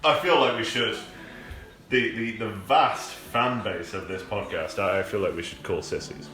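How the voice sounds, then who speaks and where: A man's voice: fairly low pitch, moderate pace, sharp tone, faint music behind. A young man co-hosting a podcast in casual chat, teasing his friends and swearing freely. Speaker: podcast co-host. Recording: echoey room.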